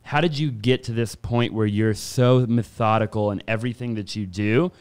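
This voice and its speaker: A man's voice: lowish voice, steady tone, moderate pace, clean tone. A male interviewer in a casual conversation who talks effusively and rambles a little as he puts his questions. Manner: effusive and rambling, backs his guest up often.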